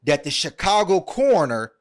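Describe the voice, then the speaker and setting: A man's voice: a little high, big pitch swings, moderate pace. A man hosting a podcast, retelling a story at length in a casual, earnest way, with many ums and repeated words. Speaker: podcast host.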